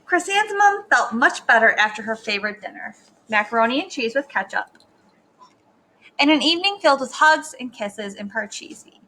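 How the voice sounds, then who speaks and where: A young woman reading a story aloud to children, stopping to ask them gentle questions. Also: a little high, big pitch swings, normal speed. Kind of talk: read-aloud lesson for children.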